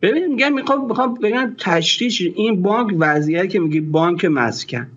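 A man with a high-pitched voice tells his story in a rush, breaking off and restarting his sentences as he goes. He comes through a dull, muffled line, with the top end of the sound cut away. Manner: excited, quick recounting with many restarts. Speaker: guest, former newspaper editor-in-chief. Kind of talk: animated storytelling in an interview.

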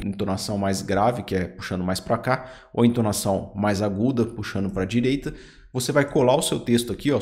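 A man with a Brazilian Portuguese accent hosting a software tutorial, chatting straight to the viewer and pointing out each step. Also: medium pitch. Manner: chatty, addresses viewer directly, pointing things out. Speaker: YouTube tutorial host. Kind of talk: screen-recorded software tutorial.

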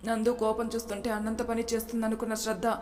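A woman storyteller reading a serial story aloud in a steady, expressive way. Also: on the high side, fast talker, big-room sound.

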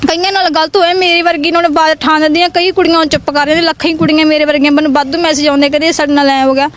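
A woman's voice: sits high, flat delivery, rapid-fire. A young woman from Punjab giving a news interview, speaking in an urgent, pleading and aggrieved way.

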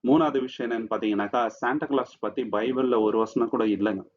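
A man's voice: medium pitch, fast. Man preaching conversationally. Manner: conversational, addresses listeners with frequent tag questions. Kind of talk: sermon-style teaching video. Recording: slightly dull lo-fi recording.

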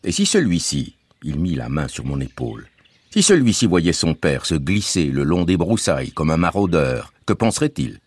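Man voicing a scrupulous schoolteacher father, indignant, low husky voice, lively intonation. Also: moderate pace, exaggerated voice. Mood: principled. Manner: principled, indignant.

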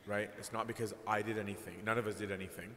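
A man's voice: lowish voice, little pitch movement, fast, a bit bright. A male priest giving a conversational sermon, candid and self-deprecating, often checking in with "right?". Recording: echoey hall, faint background noise.

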